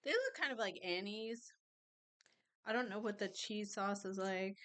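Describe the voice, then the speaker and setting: A woman's voice: medium pitch, measured pace, fairly bright tone. Chatty woman tarot reader. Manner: chatty, rambling, tastes food on camera. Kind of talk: casual chat and tarot reading.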